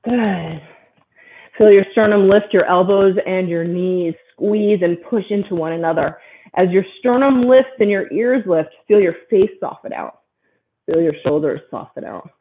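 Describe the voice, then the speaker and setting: A woman leading a yoga class, giving a steady stream of short, encouraging cues about posture and breath. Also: medium pitch, unhurried. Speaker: yoga instructor. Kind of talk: guided yoga class instruction. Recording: tinny phone-like sound.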